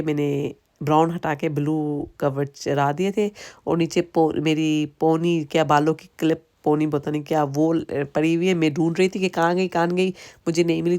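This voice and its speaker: Her voice is low and a touch mellow: a woman in her thirties vlogging from home with a Sindhi accent, Sindhi being her mother tongue. The talk is chatty and wandering, with frequent restarts and asides.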